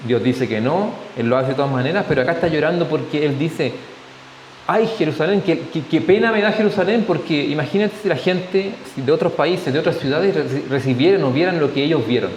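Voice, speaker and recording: A man's voice: fairly high pitch, a little fast, hardly any pauses, a little mellow. A man with a Chilean accent giving a conversational church Bible study, often checking in with his listeners and slipping in jokes. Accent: Chilean Spanish. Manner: conversational, often adds tag questions, jokes. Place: church hall. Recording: echoey hall, faint hiss.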